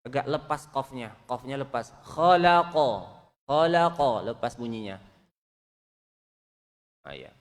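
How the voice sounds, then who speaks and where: Slow, patient male recitation teacher. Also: mid-range voice, sing-song. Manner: corrects pronunciation, repeats syllables slowly for students to copy. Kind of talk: recitation lesson with drills. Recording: long hall reverb.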